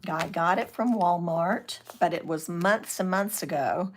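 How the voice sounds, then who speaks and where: A woman's voice: fairly low pitch, measured pace, slight background noise. An older woman hosting a live craft session, chatting casually as she works and answering viewer comments. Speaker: craft channel host.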